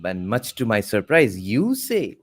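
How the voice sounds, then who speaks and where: A man's voice: fairly low pitch, huge pitch swings, measured pace, slightly rough. A man with an Indian accent giving mocking, laughing commentary over a clip as a streamer. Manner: sarcastic, laughing, swears. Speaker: reaction streamer.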